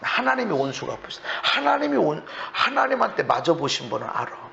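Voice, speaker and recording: A man preaching a sermon as pastor, swinging from soft, low asides to loud shouted exhortation and acting out quoted voices with laughs along the way. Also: very animated, a little fast, gravelly, dull audio, slight background noise.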